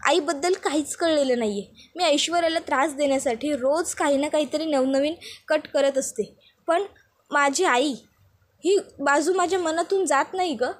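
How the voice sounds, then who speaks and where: A woman's voice: sits high, moderate pace, close to an everyday voice. A woman voicing an earnest, pleading young daughter-in-law in a retold serial. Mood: sad. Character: tearful young daughter-in-law searching for her mother.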